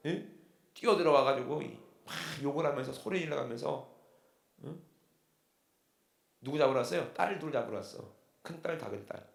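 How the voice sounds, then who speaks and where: Gravelly male pastor preaching in a reverberant church. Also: medium pitch. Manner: impassioned preaching, swinging from shouts to hushed tones. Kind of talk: sermon. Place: church sanctuary. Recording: church hall with long reverb.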